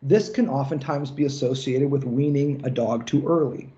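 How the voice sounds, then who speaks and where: A man's voice: mid-range voice, moderate pace, mellow, muffled recording. A man giving a recorded lecture on psychoanalysis in a casual, conversational way, with loose asides and the odd swear word. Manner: casual, conversational, profane, fillers like "like".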